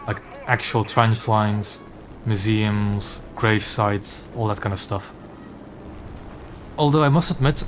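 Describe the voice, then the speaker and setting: A Belgian gaming streamer with a mixed Belgian and English accent chats casually, with fillers, as he comments while playing. His voice is fairly low, and there's background noise.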